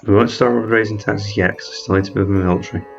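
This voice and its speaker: Soft music plays behind a man with a gravelly, lowish voice who talks at a quick pace with fairly even intonation, and the highs are cut off. He's a let's-player walking through a strategy game in explanatory commentary, reasoning aloud and correcting himself mid-word.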